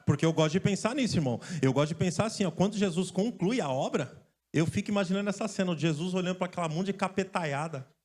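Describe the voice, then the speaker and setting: A male pastor from Brazil preaching a lively sermon, joking and calling out to his congregation. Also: high-pitched. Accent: Brazilian Portuguese. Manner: lively, joking storyteller who calls out to the congregation. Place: church stage.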